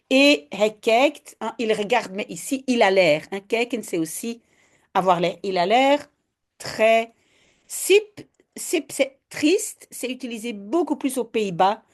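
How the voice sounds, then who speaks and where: A woman from Belgium, patiently teaching Dutch step by step in an online lesson and often adding "hein". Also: mid-range voice.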